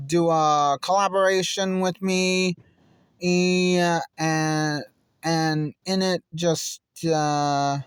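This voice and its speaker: Halting fan creator chatting to viewers. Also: medium pitch, smooth, dry recording. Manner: halting, full of pauses and fillers. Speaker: video creator. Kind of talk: casual chat to viewers.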